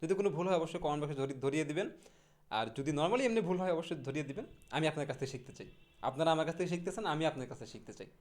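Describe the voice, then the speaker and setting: A man teaching English pronunciation in a casual video lesson, repeating each word slowly several times. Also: on the high side. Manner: repeats model words slowly and drills them.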